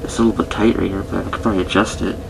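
Man talking through a face mask, gravelly. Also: low-pitched, level tone, rapid-fire, noisy background. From Canada. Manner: rambling, hesitant, self-mocking. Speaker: airsoft gear reviewer. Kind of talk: casual product review vlog.

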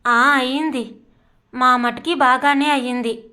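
A woman voicing a lively, stubborn young female college student who answers back teasingly in a storybook reading. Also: high-pitched, heavily acted. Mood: bitter. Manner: teasing, stubborn, quick retorts.

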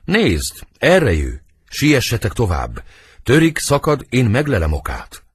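A man reading the part of Benvolio, Romeo's loyal young friend, with an earnest, husky delivery for an audiobook. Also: mid-range voice, wildly swooping pitch, dry recording. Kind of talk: audiobook verse drama reading.

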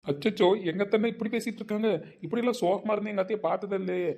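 A woman's voice: medium pitch, very fast, creaky, a little mellow, natural voice. A woman voicing an earnest, curious young village man in a cartoon, eager and questioning. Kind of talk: cartoon voice acting.

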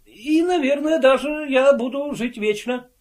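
A man's voice: extremely high pitch, unhurried, a little mellow, voice pushed up. A man voicing an envious, scheming office courier who speaks in a wistful, calculating way.

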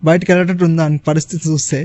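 Young male prank-vlog host, excitable, pitched high. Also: rapid-fire, no room sound. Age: young adult. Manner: teasing, excitable. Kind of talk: casual prank commentary.

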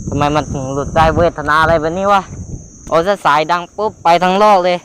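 A man commenting live to viewers while fishing, excitable and exclaiming, with light swearing. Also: fairly high pitch, fast talker. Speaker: fishing vlogger. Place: outdoors by the water. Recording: outdoor with faint background noise.

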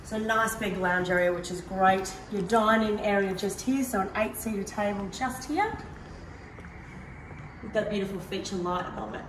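Walking through a big, empty modern house and onto a deck, a woman presents a prize home tour, cheerfully highlighting its features at a normal speed in a medium-pitched voice. She's filmed by a distant handheld camera, so she sounds a little far off in the echoey rooms, against a noisy background.

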